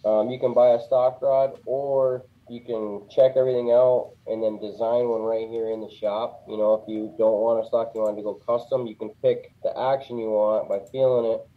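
A man guest talking casually in an interview, plainspoken and relaxed, with a lot of "you know". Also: on the low side. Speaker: guest, custom fishing rod builder. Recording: tinny phone-like line.

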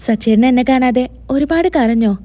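A woman's voice: fairly high pitch, fairly quick, dark tone, close to an everyday voice. A woman voicing an earnest young wife. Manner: earnest, explaining.

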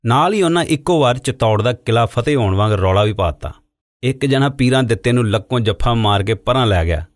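A man narrating a novel in a steady storytelling voice, recorded in a studio. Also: medium pitch, a little fast, no room sound. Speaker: audiobook narrator. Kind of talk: scripted narration.

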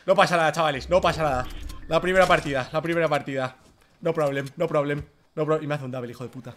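A young man from Spain with a Spanish accent, live-streaming himself playing a game, excitable, swearing often and dropping English phrases into his commentary. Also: on the high side, fast, soft background music. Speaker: gaming streamer.

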